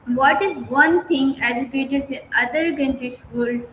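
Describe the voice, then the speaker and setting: A woman with a high voice hosts an interview over a video call, asking polite questions with a few fillers. Her audio comes through as video call sound from an echoey room. A faint hum of background noise sits under her voice. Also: unhurried, a bit bright. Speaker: interview host.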